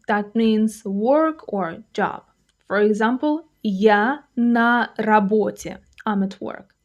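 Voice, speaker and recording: Slow, clear woman teaching vocabulary. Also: a little high, a little mellow. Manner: slow, careful enunciation of example words. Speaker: language teacher. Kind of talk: vocabulary lesson.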